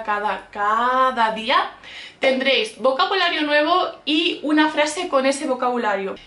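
A woman teaching a casual language lesson, drilling syllables slowly and clearly. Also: high-pitched, fairly bright tone, echoey room.

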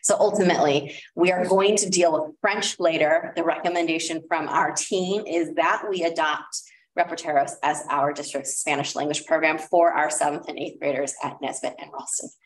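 A low-pitched woman speaks in a steady tone at a moderate pace over a little hiss or hum. As a district administrator, she casually lays out a curriculum recommendation for the school board, with many fillers, in an echoey room far from the mic.

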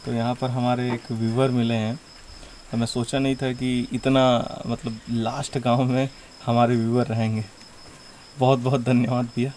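A man's voice: mid-range voice, level tone, darkish tone. A young man, vlogging outdoors in a village. He chats with a curious, easygoing manner, recorded on a handheld phone with faint outdoor noise behind him. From Chhattisgarh, India. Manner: chatty, curious, asks quick questions. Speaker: travel vlogger. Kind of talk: casual walking vlog with interviews. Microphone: phone camera held at arm's length.

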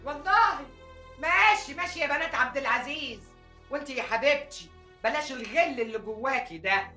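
An actress with an Egyptian Arabic accent playing a dramatic, sharp-tongued older aunt who scolds her nieces. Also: high voice, lively intonation, fast, soft background music. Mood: scolding.

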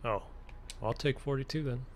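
A man's voice: medium pitch, fairly even intonation, normal speed. A man chatting casually as a player in a video game role-play.

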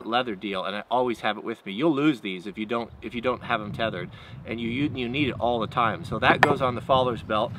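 A man's voice: medium pitch, noisy background. A middle-aged man, a wildland firefighter, casually talking through his gear outdoors in a rambling, plainspoken way with many restarts. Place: outdoors against a red barn wall.

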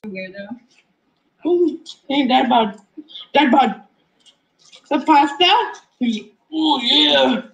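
An excitable woman in a casual video chat, laughing and squealing. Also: high-pitched, extremely slow, gravelly, long pauses, muffled recording.

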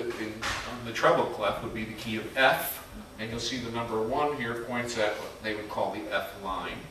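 A man's voice: mid-range voice, a bit bright, slight background noise. Echoey far-off man teaching music theory. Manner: chatty, quizzes the class with "right?" asides. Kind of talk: casual classroom teaching. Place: classroom workshop with students. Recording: very echoey room, mic far off.

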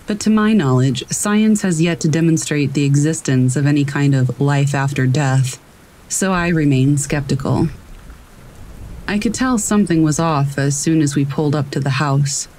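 A narrator reading scary stories aloud in a calm, measured storytelling voice. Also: medium pitch, slight background noise, rough recording. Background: faint rain.

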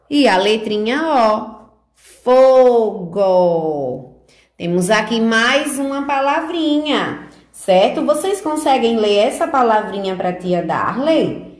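Slow-talking woman teaching preschoolers. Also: fairly high pitch. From Brazil. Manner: slow, sing-song teacher talk with diminutives, guiding each stroke. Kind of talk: remote handwriting lesson for young children.

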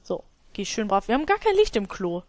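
A woman's voice: mid-range voice, sing-song, brisk, darkish tone, dry recording. A woman hosting a let's play, commenting casually on her game and scolding her characters with exasperated, laughing outbursts.

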